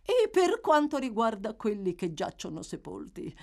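A woman reading an audiobook voices a shrewd, cold-blooded middle-aged matron who speaks calmly, sharply and without yielding. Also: a little high, normal speed, vocal fry, voice pushed up, exaggerated voice. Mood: ominous. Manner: calm, sharp and unyielding.

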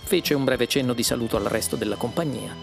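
A man reading a novel aloud as scripted narration with an expressive delivery. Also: medium pitch, quick pace, creaky, music in the background. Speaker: audiobook reader.

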